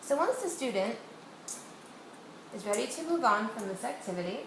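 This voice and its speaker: A woman teacher demonstrating a reading lesson with a student, saying each word slowly and deliberately to model its sounds. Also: a little high, expressive. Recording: echoey room with faint noise.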